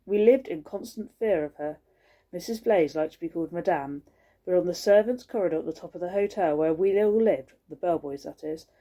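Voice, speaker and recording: A woman teacher reading a storybook aloud to children, expressive and pausing to show the pictures. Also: on the low side.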